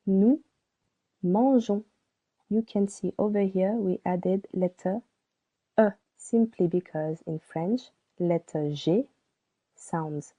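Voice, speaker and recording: A woman teaching a slow pronunciation lesson, spelling out letters and repeating each word. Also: lowish voice, warm tone. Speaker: French teacher. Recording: tinny phone-like sound.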